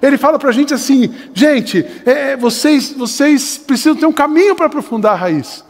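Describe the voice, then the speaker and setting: An older Brazilian Portuguese pastor preaches with fervor, his unusually high voice climbing into shouts before falling to urgent, quieter pleading. The sound carries a long reverb from the church hall around him. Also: lively intonation, normal speed. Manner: impassioned, swings between shouting and lowered urgent tones. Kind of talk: sermon. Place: church sanctuary.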